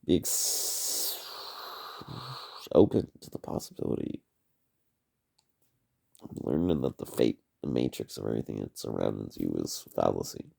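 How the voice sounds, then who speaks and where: A man's voice: rumbling low, sing-song, a little slow, vocal fry, long pauses, mellow, husky. A man giving a rambling, profane solo vlog monologue, trailing off on tangents and tagging "man" onto his sentences. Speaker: vlogger.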